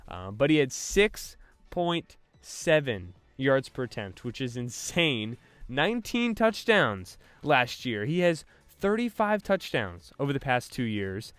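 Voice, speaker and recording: Guy doing a casual football draft rundown, smooth clear voice, dry close mic, lots of uh and like. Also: mid-range voice, very animated, slow, fairly bright tone, no echo. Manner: loose, filler-heavy delivery with frequent restarts. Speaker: sports podcast host. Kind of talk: casual draft prospect breakdown.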